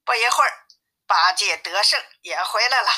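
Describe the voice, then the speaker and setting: A woman telling a classic tale in a steady, simplified storybook reading. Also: medium pitch, normal speed. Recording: tinny phone-like sound.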